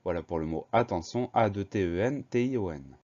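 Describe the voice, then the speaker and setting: A man's voice: low-pitched, expressive, fairly quick, mellow, highs cut off. A man teaching a spelling lesson for children, patiently spelling each word letter by letter.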